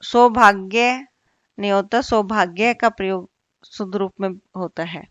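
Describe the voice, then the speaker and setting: A woman teacher giving an online Hindi grammar lesson, repeating each word slowly and asking the class questions. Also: medium pitch, steady tone, dry recording, lo-fi sound.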